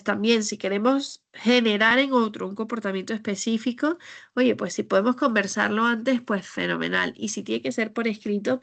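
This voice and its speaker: A woman's voice: mid-range voice, creaky, fairly bright tone. A woman communication coach, giving an online training lecture in a thoughtful way, with fillers and restarts.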